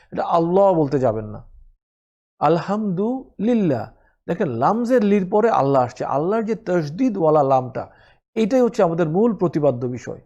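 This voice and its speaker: A man's voice: high voice, a little mellow, dull audio. A man teaching Quran recitation in a spoken lesson, explaining each rule patiently and repeating the sounds for practice.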